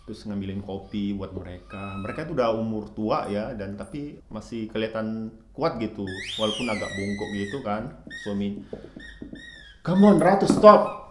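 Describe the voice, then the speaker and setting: A man's voice: fairly low pitch, moderate pace, background noise. A man casually telling a rambling story, with many fillers, as he vlogs. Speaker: vlogger; hotel employee. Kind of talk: casual chat. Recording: echoey room.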